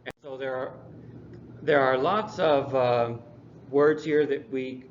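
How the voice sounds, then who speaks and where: A male English teacher walks through a lesson review in an easy, unhurried way, slipping in dry humor. His voice sits at a middle pitch. The recording is dull and lo-fi, with a faint hiss behind it. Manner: relaxed, dry classroom humor.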